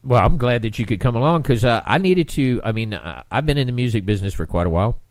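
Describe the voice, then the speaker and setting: Stuffed-up radio host. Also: male voice, mid-range voice, expressive, quick pace, no room sound, clean studio sound. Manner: chatty, rambling, restarts phrases often. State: congested, stuffed-up nose. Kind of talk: casual radio interview.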